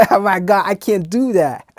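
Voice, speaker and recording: A young man hosting a reaction video, talking casually and excitedly to his viewers and exclaiming often. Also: sits high, slow pace. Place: small indoor room.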